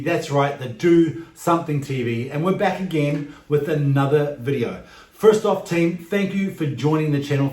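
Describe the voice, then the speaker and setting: A man in his forties with a New Zealand expat accent hosts a YouTube vlog, speaking emphatically and straight to his viewers. His voice sits a little high with a darkish tone. The recording sounds echoey and roomy.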